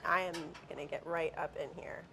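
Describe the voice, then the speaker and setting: A woman's voice: sits low, steady tone, a little fast, gravelly, noisy background. Gushing woman hosting a cooking show. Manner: enthusiastic, gushing over the food. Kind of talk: upbeat on-camera chat. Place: restaurant kitchen.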